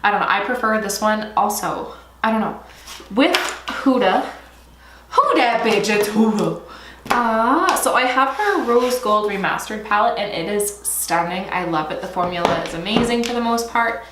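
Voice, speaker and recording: A woman's voice: medium pitch, normal speed. A young woman chatting through a makeup tutorial, a little stuffy from allergies, swearing playfully and breaking into squeals. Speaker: beauty vlogger. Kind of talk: casual makeup tutorial chat. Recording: echoey room, faint noise.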